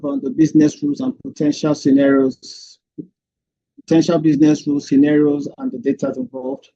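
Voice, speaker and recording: A man presenting his capstone project over an online meeting, heard through screen-recorded call audio, walking through his slides with frequent hesitant pauses. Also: on the high side, husky, lo-fi sound. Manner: steady walkthrough with frequent hesitant "um"s. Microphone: computer or headset mic on a video call.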